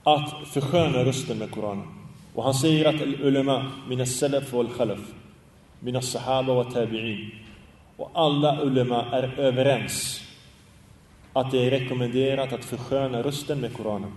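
A man's voice: medium pitch, fairly even intonation, darkish tone, roomy sound, long reverb tail, recorded from a distance. A man teaching a religious study class, asking his students questions and chanting Arabic quotations in a sung tone. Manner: asks the class questions and answers them; recites Arabic phrases in a sung tone. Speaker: Islamic teacher.

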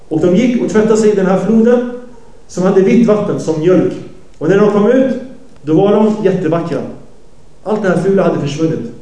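Heard in an echoey room on a low-quality recording, a preacher with a high-pitched but dark voice retells a hadith. He translates directly as he narrates and keeps correcting himself.

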